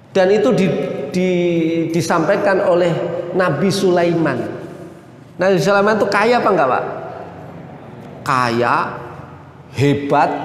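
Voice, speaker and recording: A middle-aged man preaching at a mosque study session in a chatty style, often calling out to the audience and laughing. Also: high voice. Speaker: Islamic preacher. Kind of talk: lively mosque study talk. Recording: roomy, reverberant mosque hall.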